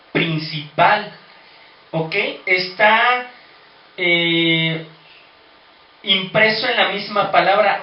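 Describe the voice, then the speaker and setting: A man with a high voice teaching a Bible study and reasoning through points with rhetorical questions. He sounds far from the mic in an echoey room, and the recording is dull. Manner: explanatory, asks rhetorical questions.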